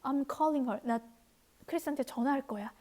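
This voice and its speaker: A woman's voice: high voice, normal speed, mellow, close to an everyday voice. A woman voicing a distraught, lovesick teenage boy in a storybook reading, with raised, strained cries. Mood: determined.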